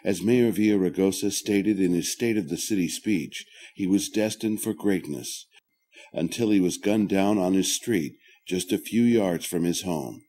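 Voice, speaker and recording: A male narrator with a low, mellow voice reads scripted documentary narration. the delivery is measured and even.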